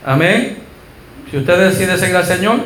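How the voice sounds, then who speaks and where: High-voiced, bright preaching pastor. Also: male voice, animated, unhurried, reverberant, a little hiss or hum, low-quality recording. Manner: fervent, rises to shouting, mimics congregants. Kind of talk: sermon. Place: church.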